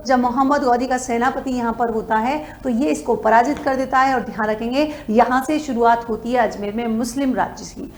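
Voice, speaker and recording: Woman teacher going over exam stuff, a bit high voice, lots of fillers, english words mixed in. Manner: explanatory, repeats fillers, mixes English words. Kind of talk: classroom lecture.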